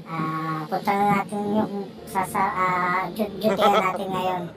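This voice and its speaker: A woman's voice: fairly low pitch, fairly even intonation, a little slow, a loud crowd, rough recording. A woman vlogger from the Philippines, chatting casually to her viewers with lots of fillers. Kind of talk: casual moto vlog narration. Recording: voice over loud background music.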